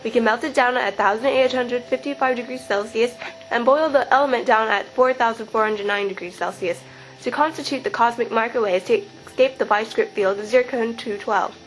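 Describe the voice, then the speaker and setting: A woman's voice: fairly high pitch, a little fast, faint music behind, lightly acted, rough recording. A woman playing an earnest, brainy alien woman in campy radio-serial style, reeling off technical explanations in a dramatic tone.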